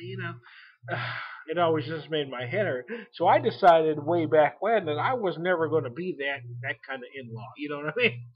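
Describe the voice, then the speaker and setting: On a lo-fi home recording, a man in his forties rambles through a folksy, casual chat as a beer vlogger, frequently laughing between thoughts. He has a fairly high, husky voice.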